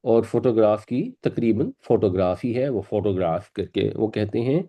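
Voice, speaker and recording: A man's voice: on the low side, lively intonation, lo-fi sound. A man teaching a Quran class, patiently explaining pronunciation and repeating words for his students. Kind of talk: classroom lesson.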